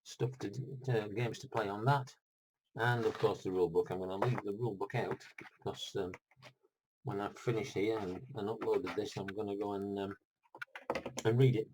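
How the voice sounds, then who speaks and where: A man's voice: fairly low pitch, fairly even intonation, normal speed, background noise. A middle-aged man, unboxing a board game in a rambling, chatty vlog full of asides. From United Kingdom.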